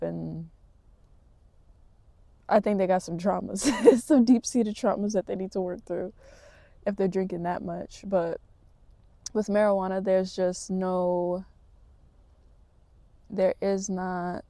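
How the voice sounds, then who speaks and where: A woman's voice: mid-range voice, steady tone, a little slow, pauses often, dark tone, dry recording. A woman talking to camera in a casual vlog, reflective and motivational, rambling a little with fillers. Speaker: vlogger.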